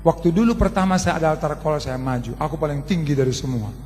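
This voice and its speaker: A man's voice: on the high side, animated, quick pace, a little mellow, faint music behind. A male pastor preaching a sermon, telling humorous personal stories and addressing the congregation directly, in a church hall. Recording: long hall reverb.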